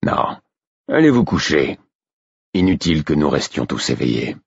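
A man with a very deep voice playing a plain-spoken, kindly working man, gruff but gentle. The voice is husky and rough, recorded close and dry, and it sounds dull and lo-fi. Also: big pitch swings, moderate pace, no echo, heavily acted. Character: gruff, kindly man with big tanned hands. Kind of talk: audiobook reading.

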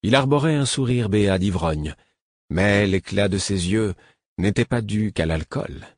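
Man narrating an audiobook, low voice, husky, calm and measured. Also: no echo, studio quality.

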